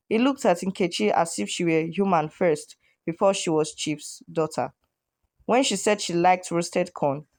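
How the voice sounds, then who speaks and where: Lowish-voiced woman telling a folktale. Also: a little mellow, no echo, studio quality. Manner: measured, vivid with proverbs and images. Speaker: storyteller. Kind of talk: folktale narration.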